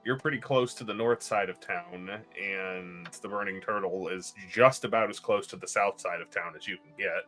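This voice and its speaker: A man's voice: deep voice, moderate pace, few pauses, pushed and bright, soft background music. A man narrating a tabletop game as game master, chatty with casual asides.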